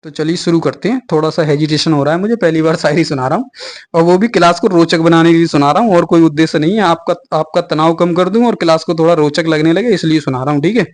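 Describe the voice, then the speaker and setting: A man teaching an online exam-coaching class, explaining patiently in a relaxed, chatty way with frequent fillers. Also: fairly high pitch, quick pace.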